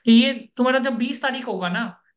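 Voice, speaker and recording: A man's voice: very high voice, brisk, a bit bright. A man coaching a student for job interviews on a video call, giving firm instructions and often checking that he is understood. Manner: directive, keeps checking understanding.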